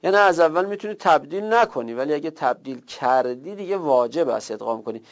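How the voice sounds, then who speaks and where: A man teaching a grammar class, explaining step by step and repeating word forms slowly. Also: a little high, animated. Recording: dull lo-fi recording.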